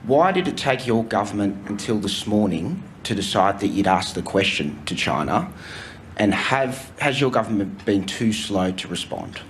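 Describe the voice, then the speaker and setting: Lower-voiced newspaper reporter. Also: male voice, big pitch swings, moderate pace, slight background noise, low-quality recording. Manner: pointed, direct questioning. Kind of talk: press conference question.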